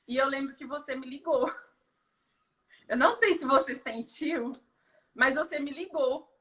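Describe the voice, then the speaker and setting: A woman from Brazil with a bright, high voice recounts a painful personal memory. She speaks in a heartfelt, tearful way, circling back with fillers and restarts as she tells it. Her tone stays clear and ringing throughout. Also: unhurried. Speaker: guest giving a testimonial. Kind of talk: emotional personal testimony.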